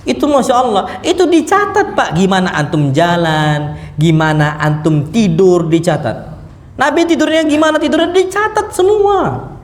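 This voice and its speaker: Animated preacher in an echoey mosque. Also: male voice, high voice, normal speed. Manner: lively, animated, acts out sounds and punchlines. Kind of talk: mosque lecture. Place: mosque hall. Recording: echoey mosque hall, faint noise.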